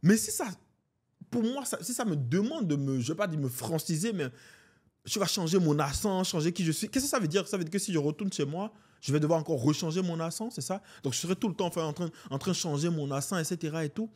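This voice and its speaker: A man's voice: on the high side, fast talker, slightly rough. A man in his twenties from Benin with a Beninese French accent, chatting casually as a podcast guest and leaning on "en fait, tu vois". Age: 20s. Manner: animated, slangy, repeats "en fait, tu vois".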